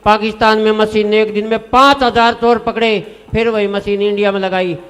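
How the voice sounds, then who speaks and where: A man's voice: sits high, steady tone, normal speed, a bit bright. A man with a Haryanvi accent performing comic poetry on stage, chatting folksily with the audience between rhyming punchlines. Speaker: comic poet. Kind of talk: stage comedy poetry recitation. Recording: live stage with long reverb.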